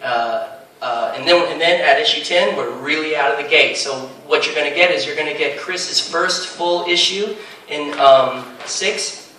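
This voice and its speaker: A male comic book writer speaking casually on a panel rambles with eager energy, full of fillers and restarts. His fairly high voice is bright and forceful at a moderate pace, heard from far off the mic in an echoey hall with faint noise.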